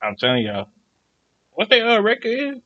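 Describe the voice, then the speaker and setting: A man's voice: high voice, wildly swooping pitch, normal speed, dry recording, dull audio. A man hosting a reaction video, chatting casually and slangily like a fan.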